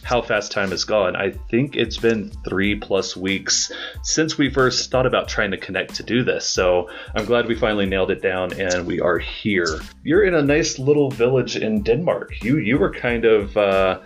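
A man with a very low, deep voice hosts a relaxed podcast chat. He talks in a friendly, meandering way, full of restarts and fillers. Faint music plays underneath. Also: normal speed. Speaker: podcast host. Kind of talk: casual interview chat.

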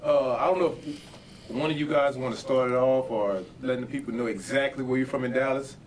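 A man from New Orleans hosting a podcast, asking relaxed, affirming questions. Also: mid-range voice, fairly quick, far from the mic, a little hiss or hum. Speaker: podcast host. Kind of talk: casual interview chat.

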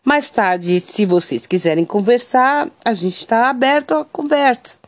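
A woman voicing a calm, concerned mother who speaks gently to her upset teenage children, within a spoken story. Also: on the high side, unhurried. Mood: gentle.

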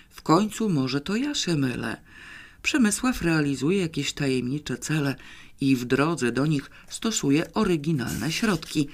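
A man narrating an audiobook in a steady storytelling manner. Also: a little high.

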